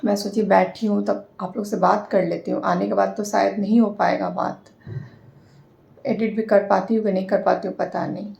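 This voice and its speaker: A woman's voice: mid-range voice, flat delivery, normal speed, vocal fry, warm tone, breathy edge. A young woman with a Bihari accent, chatting casually to her vlog audience in a rambling way with many fillers. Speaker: vlogger.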